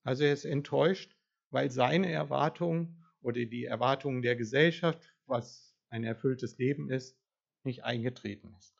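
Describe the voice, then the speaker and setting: Gravelly-voiced man giving a chatty sermon. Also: medium pitch, normal speed. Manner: conversational, asks the congregation questions. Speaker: preacher. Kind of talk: informal sermon with audience questions. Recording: dull lo-fi sound.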